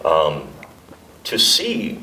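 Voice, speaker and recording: A man's voice: rumbling low, huge pitch swings, extremely slow, bright, forceful tone, reverberant, far from the mic, a little hiss or hum, poor audio. A male interviewer talking casually over food, hesitant with many fillers, sometimes switching languages. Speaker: entertainment interviewer.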